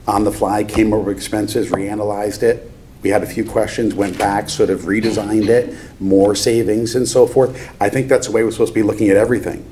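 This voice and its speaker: Male finance board member, deep and warm-toned, explanatory meeting remarks, slight background noise.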